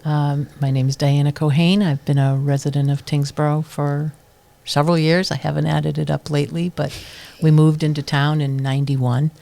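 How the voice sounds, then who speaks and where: A middle-aged committee chair from New Hampshire answers interview questions casually and thoughtfully, with many ums and restarts. Her voice is low, level, creaky and dark-toned, moving at a moderate pace.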